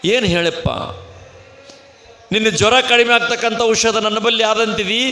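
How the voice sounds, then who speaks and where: A man's voice: sits high, fairly even intonation, measured pace, pushed and bright, voice pushed up. A man preaching a sermon voices a devout village woman who pleads in a North Karnataka accent. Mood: desperate. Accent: North Karnataka Kannada. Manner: beseeching, repeats "yappa". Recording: echoey festival PA, faint noise.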